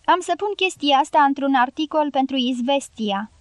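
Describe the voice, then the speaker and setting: A woman voicing an effusive middle-aged male correspondent who gushes with excitement in an audiobook. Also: high-pitched, dry recording. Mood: earnest. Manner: effusive and gushing.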